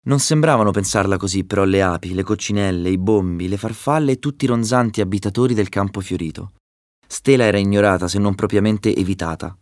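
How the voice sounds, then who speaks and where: A man narrating a storybook chapter in a calm, measured reading. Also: on the low side, no room sound, clean studio sound. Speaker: audiobook narrator.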